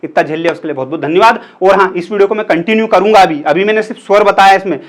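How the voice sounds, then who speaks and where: A young man with a high voice gives a relaxed classroom-style lesson on grammar. He talks chattily and keeps asking his students questions as he explains. Now and then he draws out a vowel to show how it sounds. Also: rapid-fire. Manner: stretches vowels to demonstrate sounds. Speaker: Hindi grammar teacher. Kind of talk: casual classroom lecture.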